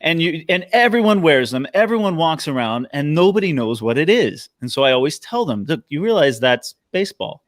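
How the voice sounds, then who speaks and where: An American man talking casually as a guest panelist on a livestream, animated in telling his stories and acting out reactions. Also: on the high side, fairly quick, few pauses, no room sound, clean studio sound. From Los Angeles, United States.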